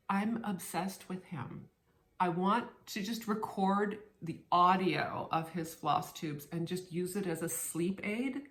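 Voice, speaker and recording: Chatty woman vlogger, lowish voice. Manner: chatty, playful, repeats words as she restarts. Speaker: cross stitch vlogger. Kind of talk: casual chat to camera. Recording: roomy echo.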